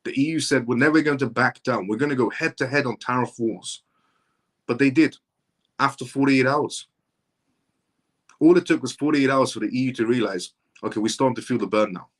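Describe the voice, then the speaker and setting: A man's voice: mid-range voice, a little fast, pauses often, fairly bright tone. A man in his thirties hosting a live stream, answering viewer comments and making his points in an emphatic, repetitive, insistent way. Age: 30s. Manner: reads viewer comments aloud and answers them.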